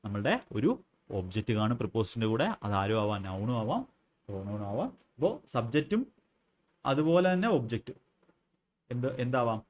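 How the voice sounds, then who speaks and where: A man with a Malayali accent teaches an exam-prep English grammar lesson at a mid-range pitch. He keeps posing questions to his students and answering them himself. He repeats key terms again and again as he drills them. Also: darkish tone.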